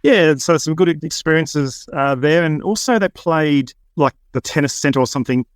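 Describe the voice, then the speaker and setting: An Australian man from Melbourne, a guest relaxed in a casual chat, using fillers as he tells stories. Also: fairly high pitch, moderate pace, smooth, no echo, studio quality. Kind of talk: casual storytelling.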